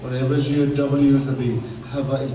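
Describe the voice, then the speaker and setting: A man's voice: medium pitch, flat delivery, brisk. A man from Samoa hosting a cultural show, playful and teasing, laughing at his own jokes and leading the crowd in call-and-response. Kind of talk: joking live show presentation. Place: live show venue. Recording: echoey, distant, with noisy ambience.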